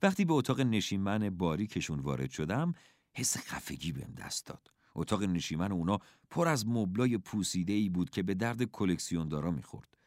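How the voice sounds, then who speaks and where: A man narrates a first-person storybook in a lowish voice. His delivery is expressive and measured, with wide swings in pitch. The recording is dry and close. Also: no echo. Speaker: audiobook narrator.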